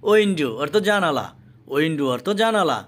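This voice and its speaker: A man teaching English pronunciation, repeating each word and its meaning twice in a slow, patient explanation. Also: on the high side, lively intonation, a bit bright. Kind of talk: spoken language lesson.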